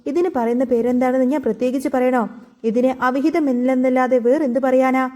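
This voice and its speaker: A sneering, scheming matron hurling taunts, as a woman narrator reads her lines. The voice sits high and mellow, and it stays mocking throughout this storybook telling. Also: steady tone, fairly quick, close to an everyday voice. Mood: scornful. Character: scornful scheming middle-aged woman, Vaijayanthi.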